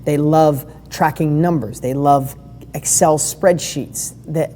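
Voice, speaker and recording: A woman's voice: low voice, fairly even intonation, slow, warm tone, slight background noise. Enthusiastic woman coach in a reverberant hall. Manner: enthusiastic and conversational, asks the audience questions. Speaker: business coach. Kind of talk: live online training talk.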